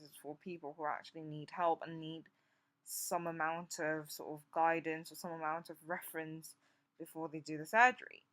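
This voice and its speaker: Recovering from jaw surgery, a low-pitched vlogger in her twenties speaks off the cuff, stammering and restarting frequently. She's from Singapore, and years in the UK have softened her Singaporean English accent.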